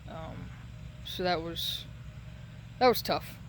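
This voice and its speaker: A man talking casually and haltingly in a solo update while recovering from surgery with a sore throat. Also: on the high side, noisy background. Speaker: patient giving a recovery update.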